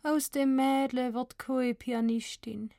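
A woman's voice: high-pitched, steady tone, slow pace, vocal fry, over loud music, voice pushed up, full character voice. A woman voicing a dazed young girl who suddenly speaks with a Swabian accent.

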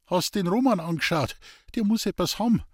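Male reader doing an anxious bedridden farmhand, high and pleading. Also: expressive, fairly quick, husky, no room sound, studio quality. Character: sickly young farmhand Hans Peter, anxious.

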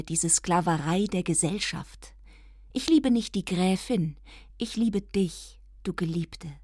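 A woman's voice: mid-range voice, darkish tone, no echo. Woman voicing a young male scholar in love, pleading, earnest, dry close sound, storybook reading. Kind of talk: literary reading.

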